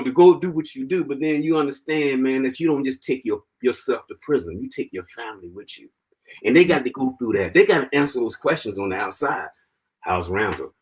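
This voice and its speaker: A man as an interview guest, telling his own story in an animated way, laughing often and filling his talk with "man" and "you know.". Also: a little high, slightly rough, rough recording. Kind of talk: personal storytelling in conversation.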